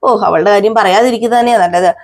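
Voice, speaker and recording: ഒരു സ്ത്രീ, മരുമകളോട് കയ്പ്പുള്ള ഒരു മധ്യവയസ്കയായ അമ്മായിയമ്മയായി ശബ്ദം നൽകുന്നു, പരാതിയും പുച്ഛവും നിറഞ്ഞ സംസാരം. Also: female voice, mid-range voice, quick pace, lightly acted. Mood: scornful. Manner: complaining, scornful asides. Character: scheming middle-aged mother-in-law, bitter toward one daughter-in-law.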